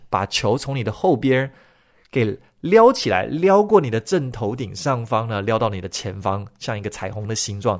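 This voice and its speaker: A man tells a story on his solo podcast. His voice sits a little low and has a gravelly, creaky edge. He talks in a relaxed, chatty way and stretches out the particles at the ends of his sentences. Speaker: podcast host.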